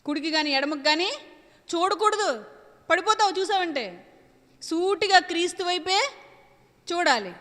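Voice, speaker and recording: A woman's voice: very high-pitched, expressive, a little slow, pauses often, bright, forceful tone, big-room sound. A woman preacher delivering an emphatic sermon, repeating her phrases and asking and answering her own questions.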